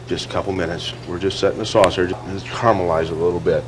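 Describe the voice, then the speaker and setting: A man's voice: low voice, fairly even intonation, fast, noisy background. A man giving a cooking demonstration in a folksy, polite way, with frequent fillers. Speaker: restaurant cook.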